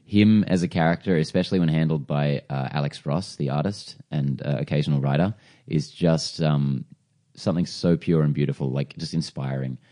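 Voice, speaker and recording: Very deep-voiced excited podcast guy. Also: moderate pace. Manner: enthusiastic, laughs often, swears casually. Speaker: podcast co-host. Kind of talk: casual chat.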